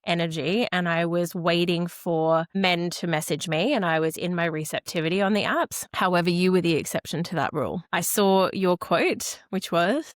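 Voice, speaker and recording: A woman's voice: lowish voice, moderate pace, few pauses, dry recording, studio quality. Chatty woman hosting a podcast. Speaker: podcast host. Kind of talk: casual chat.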